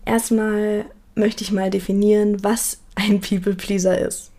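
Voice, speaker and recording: A woman's voice: mid-range voice, mellow. A young woman hosting a solo talk, speaking earnestly and reflectively, often restarting and repeating words. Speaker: podcast host.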